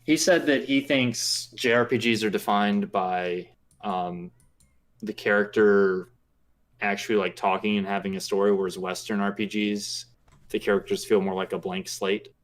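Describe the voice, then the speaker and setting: Young male podcast co-host, lower voice, loose rambling chat. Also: steady tone, normal speed. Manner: rambling, chatty, filler-heavy. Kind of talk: casual chat.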